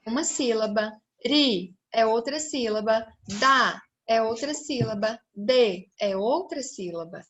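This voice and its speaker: Brazilian teacher slowly sounding out words. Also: female voice, high-pitched, a bit bright. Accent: Brazilian Portuguese. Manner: slow, clear, stretching out words and syllables. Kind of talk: recorded video lesson for children.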